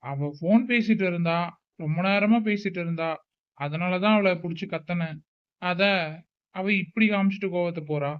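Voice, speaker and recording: A man's voice: high voice, normal speed, long pauses, smooth, close to an everyday voice. A man playing a strict, protective older brother who scolds his sister with a raised voice. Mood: explaining, defensive. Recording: tinny phone-like recording.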